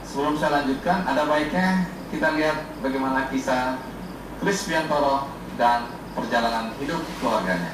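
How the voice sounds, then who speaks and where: A man's voice: medium pitch, normal speed, heavy reverb, distant mic, noisy background. A middle-aged man hosting a studio talk show, asking his guest probing questions. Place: TV studio with audience.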